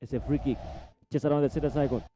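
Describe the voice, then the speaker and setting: A man's voice: medium pitch, fairly even intonation, fast, mellow, faint music behind. A man giving live football play-by-play, repeating player names and rising sharply at chances. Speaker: football commentator. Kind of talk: live match commentary.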